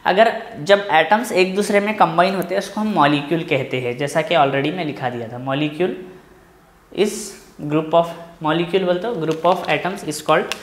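A man with an Indian English accent teaching a physics lesson in a classroom, reading from the textbook slowly and then explaining in a quick mix of Hindi and English. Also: fairly high pitch, roomy sound, a little hiss or hum. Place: classroom with a board.

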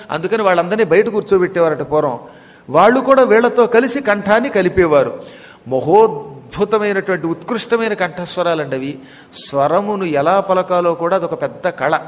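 Man, devotional discourse, teacherly, high-pitched, long hall echo. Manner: chants Sanskrit verses slowly, then explains; teacherly, addresses listeners directly. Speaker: religious discourse speaker.

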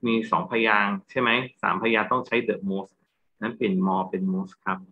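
A man's voice: on the low side, fairly even intonation, normal speed, narrow, tinny audio. A Thai-accented man teaching English grammar in a lecture, going through exam answers and checking understanding with rhetorical questions.

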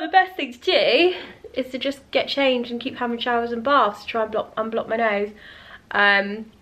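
Woman, 30s, home vlogger; tired, chatty, rambling, blocked nose, bright tone, camera held at arm's length. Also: medium pitch. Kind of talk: casual chat to camera. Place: living room at home, indoors. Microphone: handheld camera at arm's length.

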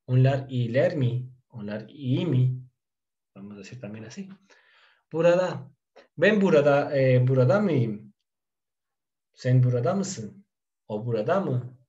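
A man teaching Turkish, slowly drilling question forms and explaining in quick, casual asides. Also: medium pitch, lively intonation, dark tone, dull audio. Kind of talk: casual language lesson.

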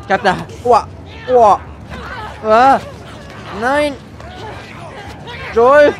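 A man's voice: very high voice, extremely slow, a faint crowd, a little hiss or hum. A man streaming a let's play, muttering sarcastic commentary to himself as he plays. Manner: sarcastic self-talk while playing. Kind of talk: gaming commentary. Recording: voice over game sounds.

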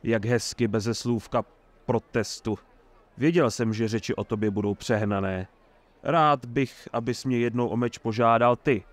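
A man's voice: mid-range voice, steady tone, natural voice. A man doing a smug menacing swordsman. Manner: mocking, smug and threatening.

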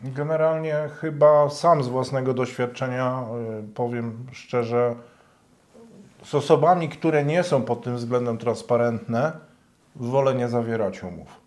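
A man's voice: mid-range voice, unhurried. Male host, casual chatty questions, everyday examples. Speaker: interview host. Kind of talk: conversational interview questions.

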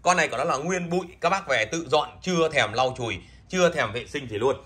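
Bright, husky man doing a hard sell. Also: a little high, expressive, fast. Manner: pushy, repetitive selling with emphatic claims. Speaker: online seller of used audio amplifiers. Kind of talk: hard-sell product pitch, talking off the cuff. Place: indoors, beside the goods on a patterned cloth.

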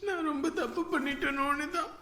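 A timid young bride-to-be, played by a woman, speaks softly and hesitantly through tears. Her voice sits high, and the room rings with echo. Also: fairly even intonation, brisk. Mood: teary, timid. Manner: soft, hesitant, sobbing. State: crying. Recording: echoey room.

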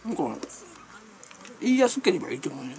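A woman's voice: on the high side, a little mellow. A middle-aged woman from Kansai talks in a loose, meandering way, her voice rising and falling a lot as she chats. Her Kansai accent colours every phrase, and her talk is full of fillers and small laughs. A faint hiss of noise sits under the recording. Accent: Kansai Japanese. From Kansai, Japan. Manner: chatty, meandering, refers to herself by nickname, frequent laughs and fillers. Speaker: vlogger. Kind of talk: rambling casual chat.

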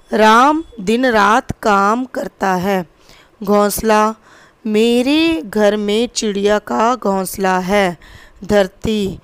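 A woman teacher giving a recorded class lesson, slowly going through workbook answers and explaining each one to her students. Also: mid-range voice, clear, resonant tone, dry recording. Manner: slow and explanatory, addressing students as "beta". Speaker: primary school teacher.

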